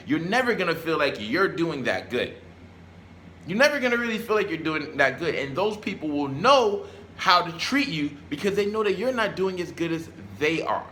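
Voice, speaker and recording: Speaking to camera in streetwise slang, a self-help creator from Brooklyn and Florida in the United States delivers a casual motivational talk and repeats phrases to drive points home. His medium-pitched voice has a sharp tone, with slight background noise.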